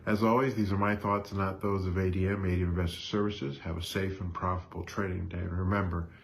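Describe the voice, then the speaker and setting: Male market commentator, deep voice, hesitant stop-and-start delivery, some background noise. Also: little pitch movement. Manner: halting, hesitant delivery with frequent pauses.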